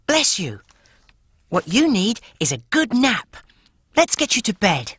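A woman voicing a cheerful, helpful young male octopus in a cartoon, friendly and eager with a bright boyish voice. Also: fairly high pitch, big pitch swings, measured pace. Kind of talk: cartoon voice acting.

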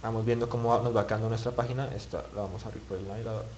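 A man's voice: fairly low pitch, flat delivery, very fast, a little mellow, lo-fi sound, a little hiss or hum. A man teaching web page building in a screen-recorded tutorial, thinking aloud and muttering as he clicks, with many restarts. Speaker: web development instructor.

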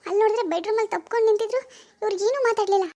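A woman playing an anxious young wife, high-voiced. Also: steady tone, racing, mellow. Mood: hurt. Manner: anxious, questioning herself aloud. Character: young wife, hurt and suspicious of husband. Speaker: actor in a family web drama. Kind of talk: amateur family drama acting.

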